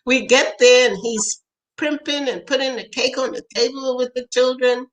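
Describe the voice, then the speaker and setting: An older woman from Trinidad, a poet being interviewed, telling family stories with lively quoted voices. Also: high-pitched, unhurried, low-quality recording. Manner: animated storyteller, acts out quoted voices, laughs often. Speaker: poet and author, interview guest. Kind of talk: storytelling in conversation.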